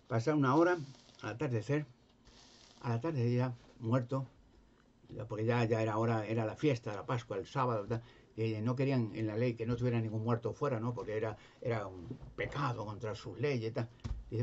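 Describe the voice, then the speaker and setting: A man retells a Bible passage in an unscripted, halting way, repeating words and doubling back mid-sentence. His voice is husky and breathy at a middling pitch. The recording sounds dull and lo-fi. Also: darkish tone. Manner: acts out the characters' lines with raised pitch. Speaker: religious commentator. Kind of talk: informal retelling of a Bible story.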